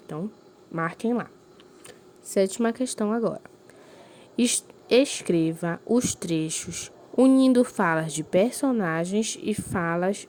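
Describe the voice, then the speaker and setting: A woman's voice: lowish voice, a little mellow, a little hiss or hum. A woman teacher giving a recorded lesson to young pupils, explaining patiently and checking in with them often. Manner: slow, clearly emphasized reading of examples.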